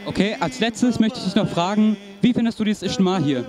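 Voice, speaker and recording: A man's voice: high-pitched, expressive, fairly quick, music in the background. A young man reporting from a sports event in a large indoor hall, interviewing boys in a formal, announcer-like manner. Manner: formal, announcer-like, with religious greetings. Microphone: handheld mic. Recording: crowd chatter in a big hall.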